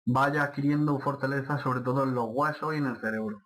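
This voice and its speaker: A man with a medium-pitched voice speaks as a guest on a casual radio show. He explains his views in a plain, unhurried way, with a few short fillers along the way. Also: steady tone, fairly bright tone, poor audio. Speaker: radio guest, film commentator.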